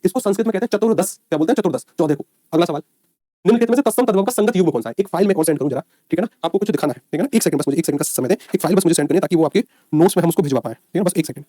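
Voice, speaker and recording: A man's voice: a little high, lively intonation, very fast, warm tone, no room sound, clean studio sound. A man teaching an online exam-prep lecture, quizzing his students and answering his own questions, with folksy asides.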